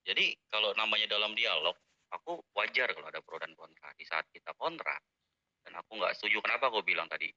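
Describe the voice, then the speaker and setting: A man's voice: on the low side, expressive, sharp tone, no room sound, dull audio. A man with an Indonesian accent defending himself in an online voice chat, pleading and apologetic, calling the other man "Bang". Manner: apologetic, pleading, quick, keeps saying "Bang". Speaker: voice chat participant.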